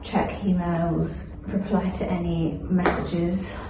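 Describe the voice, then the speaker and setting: A woman in her twenties with an English accent, a student actuary and vlogger, chats informally and self-deprecatingly in a casual day-in-the-life vlog. Her voice is fairly low with little pitch movement and a slow pace, over a noisy background with music.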